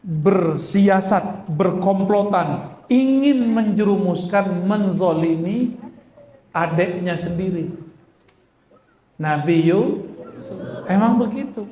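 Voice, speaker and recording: A man gives a sermon in a conversational style, his voice sitting a little high. He keeps the congregation involved with questions and joking asides. The recording rings with hall echo over a faint hiss. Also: expressive, takes it slowly, pauses often, warm tone. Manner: conversational, often quizzes the audience with rhetorical questions. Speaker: Islamic preacher. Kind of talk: lively sermon to a live congregation. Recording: echoey hall with faint background noise.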